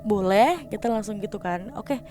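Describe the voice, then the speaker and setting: A young woman talking as a guest in a casual chat, telling her story in a lively way and acting out the people she quotes in changed voices, mixing slang with English words. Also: mid-range voice, normal speed, music in the background. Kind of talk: casual storytelling of a ghost experience.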